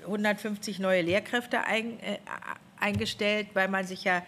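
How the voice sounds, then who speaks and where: Speaking into a gooseneck desk mic, this fifties-aged woman official reports spontaneously and with animation to a parliamentary committee, often starting phrases over. Her mid-range voice is a bit bright and a little slow, with fairly even intonation, over a slight hiss or hum in the meeting room.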